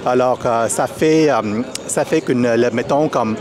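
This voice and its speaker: Outdoors at a city festival, a Vietnamese-born man who speaks Vietnamese natively answers a street interviewer's questions as a volunteer, hesitating with lots of fillers and restarts. His voice is mid-range at a measured pace, and crowd noise surrounds him.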